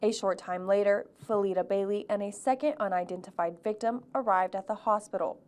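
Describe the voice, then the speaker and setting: A young woman, a TV news reporter, reading a measured news package. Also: mid-range voice, steady tone, a little mellow. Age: young adult. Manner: measured, clear reporter delivery.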